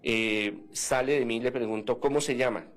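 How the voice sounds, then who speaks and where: A man's voice: mid-range voice, fairly even intonation, moderate pace. A man, a former seminarian, telling a story as a radio interview guest, acting out the dialogue with many hesitant fillers.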